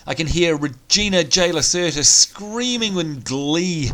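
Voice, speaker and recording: This let's play host sounds sharp and fairly high, with lively intonation and a slightly slow pace, even as his strained voice nearly gives out. He stays chatty and upbeat, thinking aloud while he plays. Game audio and music run underneath.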